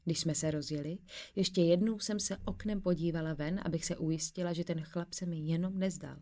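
A woman narrating a first-person novel in a lively, wry storytelling manner. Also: fairly low pitch. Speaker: audiobook narrator.

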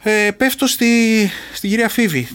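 A middle-aged man from Greece, speaking with a notably high voice as an interview guest. He retells a personal experience earnestly and with feeling, often restarting his sentences mid-thought. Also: animated, fairly bright tone, clean tone. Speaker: interview guest, reserve commando.

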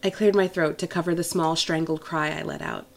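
A woman's voice: deep voice, steady tone, fairly quick, vocal fry. Woman narrating a romance audiobook. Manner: intimate, emotional storytelling. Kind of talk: first-person romance narration.

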